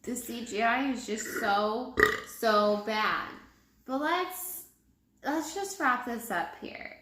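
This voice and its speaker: A woman's voice: fairly high pitch, animated, slow pace, fairly bright tone, slight background noise. A woman giving a casual film review in a tipsy, rambling way, repeating herself as she goes. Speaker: movie reviewer. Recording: echoey room.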